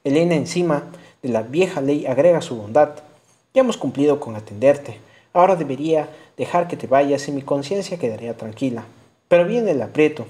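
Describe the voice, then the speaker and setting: A man reading an audiobook voices a middle-aged rural landowner who is gruff but kind and talks half folksy, half stern. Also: on the high side, animated, a little fast, dark tone, lightly acted. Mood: deliberating.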